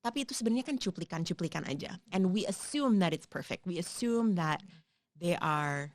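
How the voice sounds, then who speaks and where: A woman's voice: on the low side, expressive, normal speed, dry recording. Middle-aged woman host, rhetorical questions. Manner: mixes English and Indonesian, asks rhetorical questions. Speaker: podcast host. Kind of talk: casual podcast conversation.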